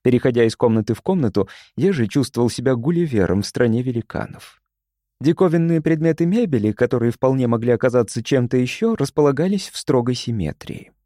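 A man narrating an audiobook in an expressive, measured storytelling manner on a close studio mic. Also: mid-range voice, no room sound. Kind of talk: scripted narration.

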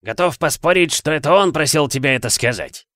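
A man's voice: expressive, a little fast, fairly bright tone, no room sound, studio quality. A man voicing a boisterous, jeering headless male ghost hunter in an audiobook reading. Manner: booming, jeering.

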